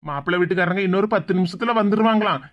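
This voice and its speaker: A gentle widowed village father in a cartoon, voiced by a woman, speaking with a Tirunelveli Tamil accent. He talks softly and plainly, with a sorrowful tone. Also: medium pitch, racing, muffled recording, natural voice.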